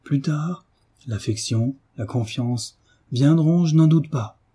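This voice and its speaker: A man reading a novel aloud, voicing a gentle mother who pleads tenderly but stays firm with her son. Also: medium pitch, slow pace, breathy edge, pitched above the performer's own voice.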